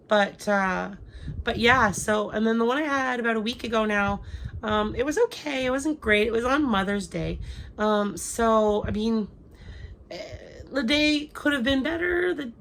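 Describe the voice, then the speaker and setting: Talking to her viewers while sick with a cold, a young woman who vlogs about crochet keeps saying um and starting over. Her mid-range voice is creaky, and a little hiss or hum can be heard.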